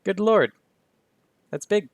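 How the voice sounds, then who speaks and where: A man running a tabletop game as game master, relaxed and thinking aloud. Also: sits high, takes it slowly, no echo.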